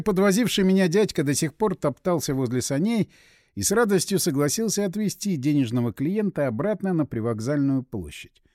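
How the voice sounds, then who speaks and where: A man narrating a first-person adventure audiobook in a brisk, expressive storytelling manner. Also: a little high, no echo, clean studio sound.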